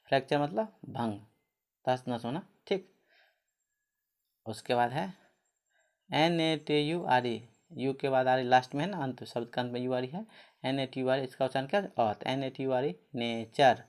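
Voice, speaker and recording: A man's voice: mid-range voice, gravelly, darkish tone. A man teaching English spelling and pronunciation rules, asking questions and answering them himself while spelling words out letter by letter.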